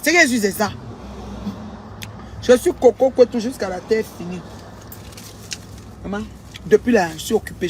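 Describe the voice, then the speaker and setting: A woman's voice: mid-range voice, creaky. Woman vlogging outside, emphatic and repeats herself a lot, keeps saying maman to her viewers, faint traffic behind. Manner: emphatic, repetitive, keeps addressing listeners as "maman". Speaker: social media commentator. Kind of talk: casual spoken vlog monologue.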